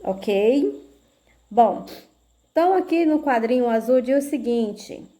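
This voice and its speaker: A woman teacher with a Brazilian Portuguese accent, giving a video lesson, slow and patient, spelling out syllables and checking in with little tag questions. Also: on the high side, expressive, mellow.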